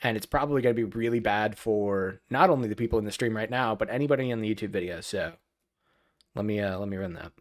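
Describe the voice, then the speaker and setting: A man's voice: fairly low pitch, fast talker. Rambling man thinking aloud. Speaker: streamer analyzing a match broadcast. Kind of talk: live match analysis.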